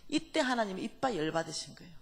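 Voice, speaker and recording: A man's voice: sits high, very animated, fast, gravelly. A man preaching a revival sermon as pastor, questioning the congregation and dropping to a whisper to press a point home. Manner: acts out quoted voices, drops to whispers for emphasis; talks straight to the congregation with questions.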